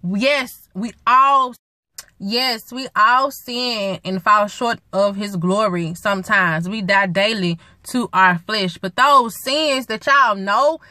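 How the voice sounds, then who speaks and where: A woman's voice: medium pitch, takes it slowly, sharp tone, no echo. A young woman preaching earnestly into a phone from a parked car, repeating her points for emphasis. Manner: earnest exhortation, repeats phrases, quotes scripture. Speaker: ministry vlogger. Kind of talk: preaching vlog. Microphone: phone at arm's length.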